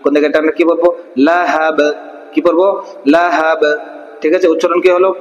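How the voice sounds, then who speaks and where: A man leads a Quran recitation lesson in a fairly high voice. He keeps quizzing his listeners and answering himself, then stretches verses out one syllable at a time. A long reverb trails behind his words. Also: level tone, darkish tone, highs cut off. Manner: question-and-answer drilling, slow syllable-by-syllable recitation. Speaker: Quran teacher. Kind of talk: online Quran recitation class.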